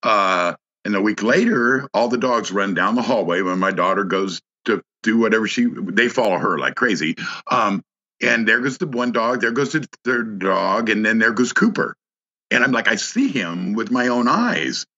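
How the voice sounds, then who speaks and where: A man appears as a podcast guest, telling a personal story in casual conversation, halting often with restarts and fillers. His lowish voice is animated with a sharp tone, and the audio sounds dull.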